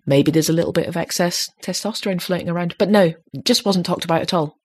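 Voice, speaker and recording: Talking fast with a breathy edge, a woman in her late thirties hosts a podcast in a casual, chatty way. Her slightly deep voice grows lively as she makes her points.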